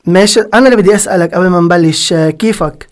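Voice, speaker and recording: Very fast, high-voiced Lebanese male host. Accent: Lebanese Levantine Arabic. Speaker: interview host. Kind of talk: casual interview questioning.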